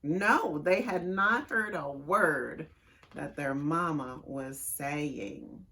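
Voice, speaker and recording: A woman with a low voice speaks extremely slowly over slight background noise. She's a librarian running a children's story time, cheerfully reading aloud and leading movement games. Her delivery is animated and sing-song with the kids.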